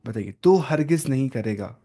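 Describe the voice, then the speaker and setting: A man's voice: medium pitch, lively intonation, normal speed, warm tone. A male teacher giving an online grammar lesson, patiently drilling and repeating verb forms aloud. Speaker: Arabic teacher.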